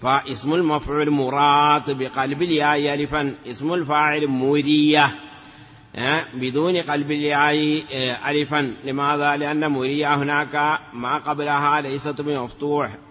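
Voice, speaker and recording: A man's voice: fairly high pitch, flat delivery, fairly bright tone. Male grammar teacher, chanting drills, lo-fi recording with long hall reverb. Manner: drills word forms slowly, chanting some of them, then explains them quickly; often adds a confirming "yes" (نعم). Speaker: teacher of Arabic morphology. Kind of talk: classical grammar lesson.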